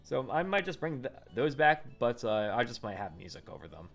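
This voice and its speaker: A YouTuber in his late twenties chats casually into a condenser studio microphone for his vlog, rambling, correcting himself and using lots of fillers. His mid-range voice is gravelly and fairly bright, a little fast, with big pitch swings. Faint music plays behind him.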